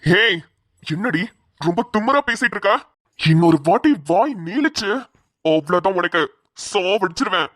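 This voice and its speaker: A woman puts on a bald cartoon villain who gloats over his captives. The voice sits low for her and stays menacing and taunting. It is recorded dry and close. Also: lively intonation, normal speed, pauses often, a bit bright, no room sound. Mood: threatening. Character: bald gloating male kidnapper villain, cruel. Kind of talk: cartoon voice acting.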